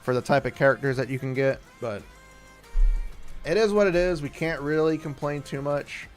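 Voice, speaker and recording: A man's voice: a little high, normal speed, soft background music. A man casually chatting on a gaming stream, rambling and trailing off, sleepy and yawning. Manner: rambling, laid-back, trailing off.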